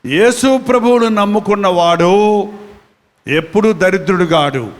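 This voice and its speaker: A man's voice: high voice, a little slow, in a large hall. A man preaching a sermon as a pastor, speaking with a Telugu accent, repeating phrases and putting questions to his listeners. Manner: repetitive, questioning the congregation.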